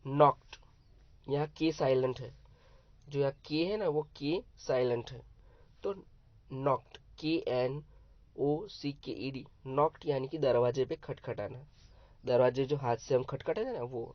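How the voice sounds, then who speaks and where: A man teaching young pupils new words, spelling each one letter by letter and then explaining it slowly and patiently. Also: medium pitch, no echo. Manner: slow, patient, repetitive. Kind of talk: vocabulary lesson for young pupils. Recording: dull, dry lo-fi sound.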